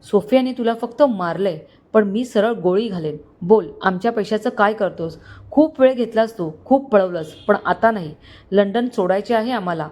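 Storybook part: woman doing a menacing male thug, slow deliberate threats, mid pitch. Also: darkish tone, lightly acted. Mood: threatening. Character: menacing male gangster, hot-tempered.

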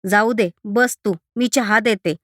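Woman narrator as a scolding old mother-in-law, grumbling, high voice, dry close sound. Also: lively intonation, moderate pace, fairly bright tone, no room sound. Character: grumbling, sharp-tongued older mother-in-law.

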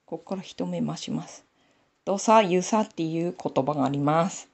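This is a casual knitting tutorial chat from a woman from Aomori, Japan, who speaks in the Nanbu dialect while knitting a sock on camera and chatting to herself. Her low, darkish voice has vocal fry and a moderate pace.

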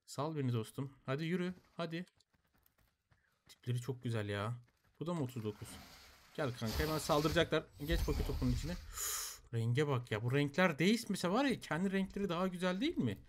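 A young man giving casual commentary while playing a survival game, talking to his tamed creatures and breaking into high, excited yelps. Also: brisk. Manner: excitable, talks to the animals, bursts into high yelps. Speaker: gameplay commentator. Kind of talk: live gameplay commentary.

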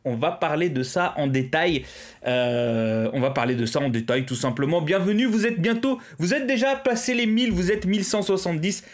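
Male host with a French accent, casual and rambling, filler-heavy, laughs at his own slips, slightly raised pitch. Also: lively intonation, moderate pace. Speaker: live-stream host. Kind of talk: casual live commentary.

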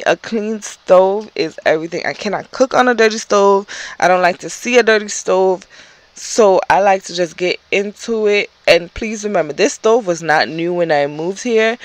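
A woman's voice: lowish voice, no echo, low-quality recording. A woman vlogger giving a chatty, easygoing voice-over about her cleaning habits. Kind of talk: casual voice-over narration.

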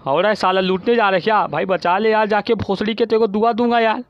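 A man giving profane, frantic commentary while playing an online shooter, constantly shouting at his teammates, recorded on a dull lo-fi mic. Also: high-pitched, steady tone, quick pace, no echo. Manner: swearing, yelling at teammates. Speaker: gaming streamer.

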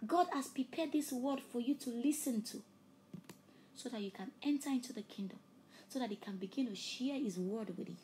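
In a rough recording, a slightly high-voiced woman speaking at normal speed preaches a sermon with an altar call as preacher and host. Yoruba is her first language; her fervent delivery surges to loud, emphatic peaks and then quiets to near-whispers.

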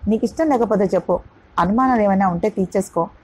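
A woman voicing an earnest young man pleading gently for a marriage, in a husky voice. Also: mid-range voice, quick pace, lightly acted, low-quality recording.

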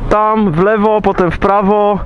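A man talks loosely through a helmet mic as he rides and stands around with other bikers, swearing offhand and padding with fillers. His voice sits a little high for a man. Loud wind and engine roar sit under everything he says. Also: flat delivery, unhurried, muffled recording. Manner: loose, chatty, swears casually, lots of fillers. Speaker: motovlogger. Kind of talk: casual motovlog commentary. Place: outdoors, at a petrol station and riding a motorbike on roads. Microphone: helmet-mounted mic.

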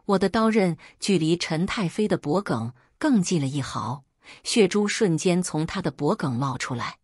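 A woman reads a first-person story aloud with steady, dramatic pacing. Her voice sits low and has a husky edge, and the recording is dry and close to the mic. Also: moderate pace, no echo. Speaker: narrator.

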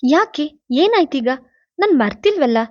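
Woman narrator voicing a bitter, snappish young woman, higher voice, muffled dry audio. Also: big pitch swings, a little slow. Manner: sharp, bitter retorts. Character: proud, bitter young woman, quick to snap. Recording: dull lo-fi, dry.

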